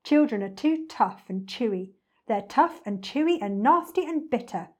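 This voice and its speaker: A woman's voice: fairly high pitch, animated, moderate pace. A woman voicing a smaller crocodile in a storybook, blunt, contrary and scolding. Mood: disgusted.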